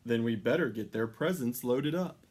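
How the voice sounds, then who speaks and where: A man voicing a jolly old Santa Claus with a booming, hearty delivery for a children's storybook. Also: moderate pace, a little mellow, natural voice. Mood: hearty, blustering. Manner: hearty, exclamatory. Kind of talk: children's storybook read-aloud.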